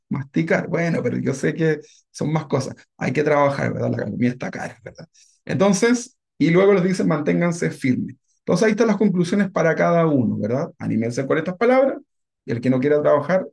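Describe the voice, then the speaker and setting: A man teaching a Bible class to his congregation as pastor, talking to them casually and often checking in with a quick question. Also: on the high side, lively intonation, gravelly, a little mellow. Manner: conversational, keeps asking the congregation "¿verdad?".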